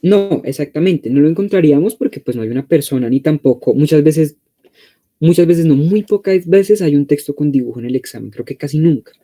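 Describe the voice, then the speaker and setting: A man's voice: a little high, animated, fairly quick, mellow. A man with a Colombian accent teaching an online exam-prep class in a conversational way, often checking in with his students. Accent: Colombian Spanish. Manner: conversational, frequent check-in questions.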